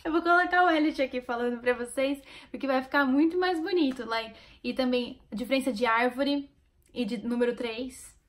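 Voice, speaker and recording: A woman's voice: high-pitched, moderate pace. A woman from Brazil with a Brazilian Portuguese accent, chatting in a casual vlog and cheering on her viewers. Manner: chatty and encouraging, speaking straight to viewers. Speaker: vlogger.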